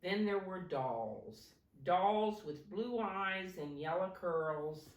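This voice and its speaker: A teacher reads a picture book to young children at an unhurried pace, her rather low voice swinging expressively. She phrases things simply and deliberately, pausing for asides to show the pictures, and sits a little far from the mic in a roomy space.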